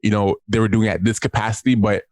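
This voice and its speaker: A man co-hosting a casual chat over a video call, animated, often laughing and repeating himself. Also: lowish voice, fast talker, dry recording. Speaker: podcast co-host.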